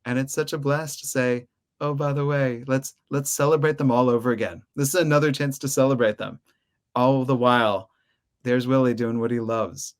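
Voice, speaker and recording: A man's voice: medium pitch, steady tone, moderate pace, smooth. A man hosting a podcast, chatting casually with an enthusiastic, agreeable manner. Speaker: podcast host. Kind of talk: casual conversational chat.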